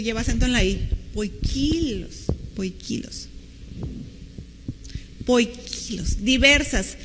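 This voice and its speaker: A woman's voice: high-pitched, sharp tone, big-room sound, a little hiss or hum. A woman pastor with a Mexican Spanish accent, preaching a teacherly sermon and asking the congregation questions. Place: church hall with long reverb.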